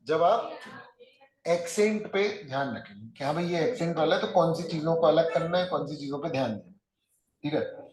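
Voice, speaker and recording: A man gives a classroom lecture, his fairly high voice ringing in an echoey room. He talks conversationally and keeps checking that his students are following. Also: brisk, a little mellow. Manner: conversational, checks understanding often. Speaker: teacher.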